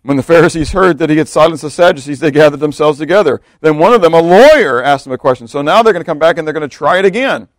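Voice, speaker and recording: A man delivering a verse-by-verse sermon in a chatty, conversational way, checking in with his listeners as he goes. His voice sits fairly high for a man and often sinks to a hushed, intent murmur for emphasis. The sound is dry and close. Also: expressive, fast, hardly any pauses, no room sound. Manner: conversational, keeps checking in with "okay?" and "right?". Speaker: pastor. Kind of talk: expository sermon.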